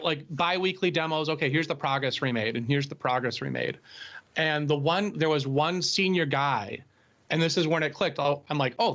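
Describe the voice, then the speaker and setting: Midwestern man, high-pitched, animated storyteller who laughs mid-sentence, podcast co-host. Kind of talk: casual podcast chat.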